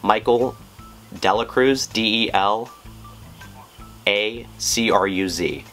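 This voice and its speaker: Casual young man with soft background music. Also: on the low side, slow pace. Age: 20s. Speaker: prank caller, video host. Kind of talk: casual vlog and prank call talk. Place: small indoor living room, on a couch.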